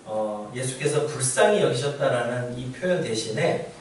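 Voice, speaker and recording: In a church sanctuary, a male pastor delivers his sermon at normal speed in an expressive, medium-pitched voice, talking conversationally and asking the congregation rhetorical questions. The sound is very echoey and distant, with slight background noise.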